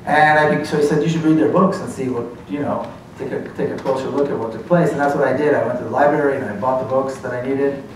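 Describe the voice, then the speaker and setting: A man in his forties from Israel earnestly tells his story during a university lecture, speaking fast with an Israeli accent in a medium-pitched, steady voice. The recording picks him up from far off in an echoey lecture hall, with a little hiss or hum.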